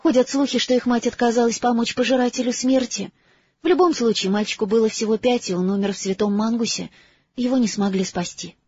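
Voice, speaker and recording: A man voicing a clever, bossy teenage girl in an audiobook, brisk and earnest. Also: very high voice, a little mellow, husky, voice pushed up. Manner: brisk, earnest, a little lecturing. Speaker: audiobook character voice. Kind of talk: audiobook character reading. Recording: slightly dull, dry recording.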